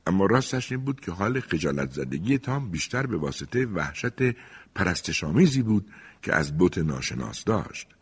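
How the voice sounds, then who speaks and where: A deep, husky male narrator reading a story aloud with lively, rising and falling intonation. Every phrase trails into a long reverberant tail. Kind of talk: audiobook narration.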